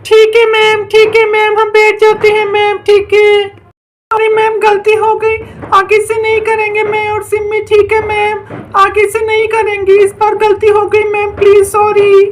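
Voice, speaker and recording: A woman's voice: very high-pitched, completely flat delivery, unhurried, slight background noise. A woman voicing an anxious young schoolgirl who frets and pleads over a hard exam in a doll story. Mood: apologetic. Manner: anxious, pleading, praying aloud. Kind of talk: doll story role-play.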